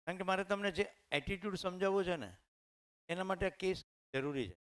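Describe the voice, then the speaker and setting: A man's voice: high voice, a little fast, smooth. A middle-aged man with a Gujarati accent, telling personal stories in a conversational way to a room of teachers at a training session. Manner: conversational, anecdotal, addresses audience directly. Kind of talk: storytelling talk to teachers. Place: training hall with live audience.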